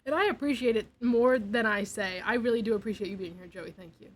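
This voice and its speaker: A woman's voice: fairly high pitch, fast talker, rough recording. A young woman streaming, chatting casually and giggly, sometimes dropping to a near whisper. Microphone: desk mic.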